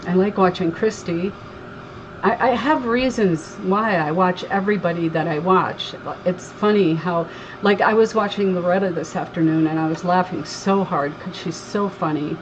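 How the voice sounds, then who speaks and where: Over poor audio with a bit of hiss or hum, a woman with a lowish voice talks at normal speed during a casual crafting livestream. She's from Connecticut, has a slight Southern twang, and chats with her viewers while working, reading their comments out and laughing readily.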